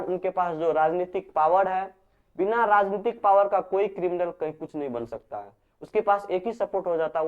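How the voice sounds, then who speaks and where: Male teacher, high smooth voice, quizzing students through a lecture on a lo-fi recording. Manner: repeats key terms as questions, scolds students. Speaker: physics teacher. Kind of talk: classroom lecture. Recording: dull lo-fi recording.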